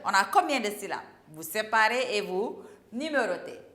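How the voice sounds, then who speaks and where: A woman's voice: medium pitch, big pitch swings, normal speed, fairly bright tone, slight background noise. A woman teaching a primary class, drawing out and repeating words for young pupils. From Senegal. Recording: echoey classroom.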